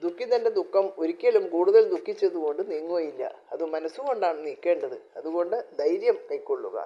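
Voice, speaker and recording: A man's voice: a little high, expressive, a little fast, natural voice. A man voicing a proud warrior who consoles his king, read steadily in a storybook telling, on a dull lo-fi recording. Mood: earnest.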